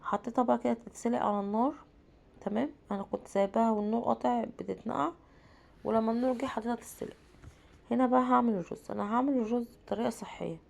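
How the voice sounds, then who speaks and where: Egyptian woman vlogger with a cold, dark gravelly voice, chatty self-Q&A narration. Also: a little high, steady tone, racing. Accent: Egyptian Arabic. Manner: chatty, asks herself questions and answers them. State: has a cold. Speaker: home vlogger and mother. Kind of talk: casual cooking vlog narration.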